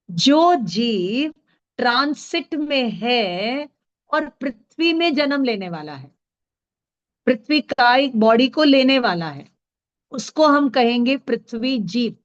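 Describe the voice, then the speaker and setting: Woman teaching a scripture class, kinda high voice, real slow, dictates stuff to write down, dull lo-fi sound. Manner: mixes English words into her explanation. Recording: dull lo-fi recording.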